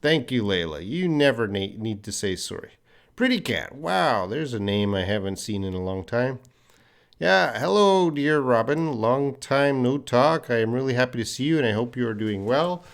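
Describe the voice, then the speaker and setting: On a live stream, a medium-pitched middle-aged man with a slight Canadian accent teaches English. He answers viewer questions with patience and repeats words so learners can follow.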